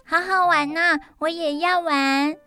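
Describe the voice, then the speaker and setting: A woman voicing excited, playful little hippo schoolchildren in a storybook reading. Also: extremely high pitch, unhurried, faint music behind, voice pushed up, full character voice. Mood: eager, playful.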